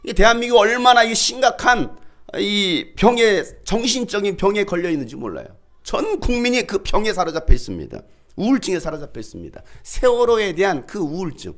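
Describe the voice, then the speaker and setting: A man's voice: high voice, very animated, fairly quick. A male pastor preaching a sermon, dramatically acting out people's complaints in raised voices. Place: church.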